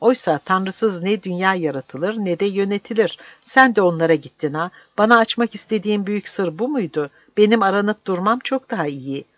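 A stern, easily alarmed old priest, as an audiobook reader puts him on, given to sharp, irritable cries. The recording is dry and slightly dull. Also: mid-range voice, lively intonation, normal speed, few pauses, dry recording, voice pushed up, lightly acted. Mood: agitated. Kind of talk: audiobook reading.

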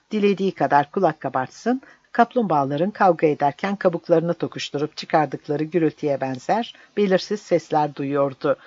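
An audiobook narrator reading a novel aloud in a steady, measured voice. The recording is dull and dry, with a muffled top end and no room around it. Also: mid-range voice, no room sound. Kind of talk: scripted narration.

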